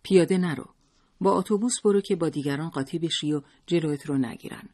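Male narrator puts on a resolute middle-aged woman for an audiobook: firm, commanding, pitched up, slightly husky. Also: darkish tone, lightly acted.

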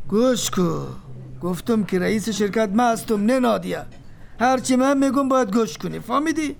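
A man's voice: sits high, creaky. An actor with an Afghan Dari accent playing a commanding middle-aged male company boss and father. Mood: firm. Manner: commanding, scolding.

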